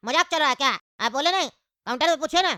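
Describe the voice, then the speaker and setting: Woman doing a calm cartoon son, fast talker. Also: high voice, noisy background. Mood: patient. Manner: patient, reasoning. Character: dutiful adult son on the phone.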